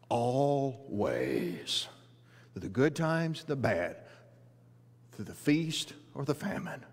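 A middle-aged man preaching a sermon from a church stage, earnest and building to emphatic rhetorical questions as he walks about. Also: medium pitch. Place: large church sanctuary. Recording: long reverb of a church hall.

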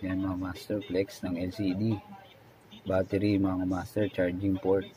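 A man's voice: low-pitched, flat delivery, a little slow, a crowd in the background, rough recording. A man with a Filipino accent walking viewers through a phone screen repair in a casual way, slightly slurred, keeps checking in with his listeners. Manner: keeps saying "mga master" and "no?", slightly slurred. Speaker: phone repair tutorial host.

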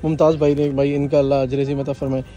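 A man's voice: medium pitch, flat delivery, warm tone, highs cut off. A man in his thirties vlogging casually from his car and his cafeteria, filling his talk with religious phrases. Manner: devout, peppers speech with religious phrases. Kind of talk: casual vlog narration. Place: car and restaurant kitchen, Gulf city.

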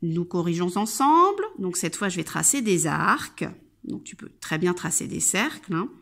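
A woman kindergarten teacher giving an instructional video lesson for young children, speaking to the child directly, articulating clearly and sounding out words syllable by syllable. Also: lowish voice, very animated, moderate pace, fairly bright tone. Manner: addresses the child directly and patiently.

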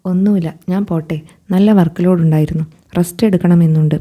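A woman voicing a shy, soft-spoken young woman with hesitant replies. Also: fairly low pitch, fairly even intonation, normal speed, lightly acted. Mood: sad.

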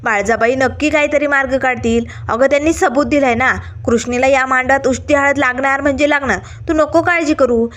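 A woman's voice: high voice, steady tone, fairly quick, hardly any pauses, a bit bright. A woman voicing a worried older mother who tries to soothe her angry daughter. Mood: soothing. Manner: soothing, pleading.

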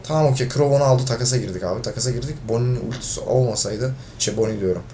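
A gaming video creator talks very fast in a mid-range voice while commentating his own gameplay, with a little hiss or hum audible. He becomes frustrated, curses at teammates, and shouts as he loses.

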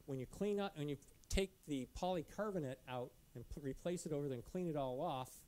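A middle-aged caving club presenter gives a casual slide talk in a dim lecture room, speaking loosely and haltingly with frequent restarts and fillers. His voice is on the high side with a dark tone.

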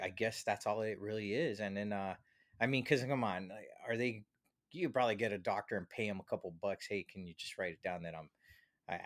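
A podcast co-host in his thirties chats casually and jokingly in slangy, informal speech, his low-ish voice close on a podcast microphone with headphones and no room sound.

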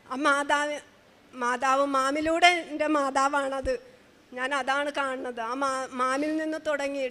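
A middle-aged woman tells her own story as a testimony, her voice pitched high. She speaks haltingly and with feeling, often breaking off and starting again. Long reverb hangs after her words, as in a large church hall. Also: fairly bright tone. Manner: halting, emotional, with many restarts. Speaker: mother giving a testimony. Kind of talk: spoken personal testimony.

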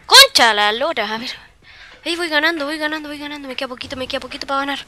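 A woman with a Chilean accent giving live, excitable commentary over her own gameplay, cursing and yelling at the game. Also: high voice, racing, a little hiss or hum. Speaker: gaming video creator.

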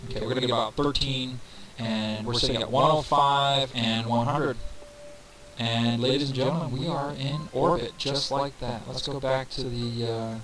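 A man narrating a casual game walkthrough, thinking aloud with fillers and counting down numbers, his voice carrying reverb from a poor microphone. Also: medium pitch. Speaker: gameplay tutorial narrator. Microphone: cheap desk microphone. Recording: reverby mic with crowd noise behind.

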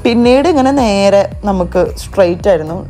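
A woman's voice: mid-range voice, lively intonation, brisk, warm tone, low-quality recording. Chatty young woman vlogging outdoors. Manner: chatty, mixes in English phrases, addresses viewers as guys. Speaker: travel vlogger. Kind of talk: casual travel vlog narration. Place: outdoors on a forest trail by a waterfall. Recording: background music under the voice.

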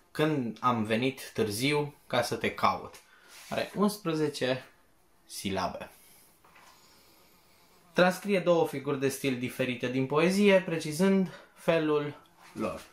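A man walking students through an exam practice test step by step, often checking in with a quick question. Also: medium pitch. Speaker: teacher. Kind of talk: exam-prep lesson walkthrough. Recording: echoey room.

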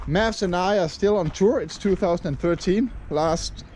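A man's voice: sits high, normal speed, darkish tone, slight background noise. A man from Denmark in his thirties, talking casually to a camera held at arm's length outdoors, rambling with lots of fillers. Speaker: vlogger. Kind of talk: casual vlog talk to camera. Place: outdoors on a chilly morning.

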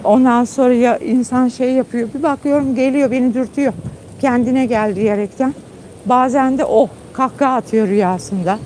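A woman's voice: normal speed, a little hiss or hum. A woman host chatting casually to viewers on a phone live stream, tired after a long trip, outdoors at night in a garden. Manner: chatty, warm-hearted, calls her dog in high coaxing tones. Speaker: channel host.

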